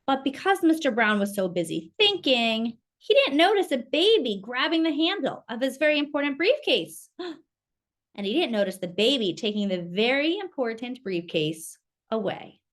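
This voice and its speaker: Reading a picture book to young children at normal speed, this storytime reader has a fairly high voice. Her delivery is exclamatory and expressive, sprinkled with chatty asides and questions for the kids.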